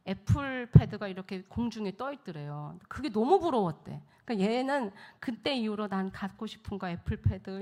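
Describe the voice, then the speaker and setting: At a church service, a middle-aged woman who is a missionary speaker tells a lively testimony story in a sermon, acting out the people she quotes and often laughing. Her voice is mid-range.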